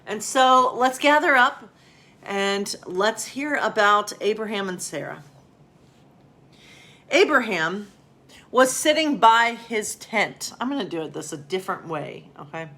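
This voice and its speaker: A woman pastor with an animated, mid-range voice and a sharp tone speaks a little slowly. She addresses listeners informally as friends, rambling a bit while chatting and reading bedtime stories to children.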